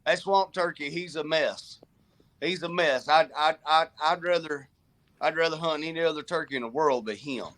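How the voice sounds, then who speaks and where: Plainspoken Alabama man, slightly high voice. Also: a bit bright. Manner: plainspoken, halting with fillers. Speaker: land manager guest. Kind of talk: casual podcast chat.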